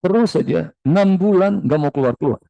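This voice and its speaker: Gravelly-voiced preacher telling a story. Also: male voice, a little high, animated, a little fast, warm tone, no echo, low-quality recording. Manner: conversational storyteller who acts out quoted people. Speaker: preacher (ustadz). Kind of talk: storytelling religious talk. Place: mosque lecture hall.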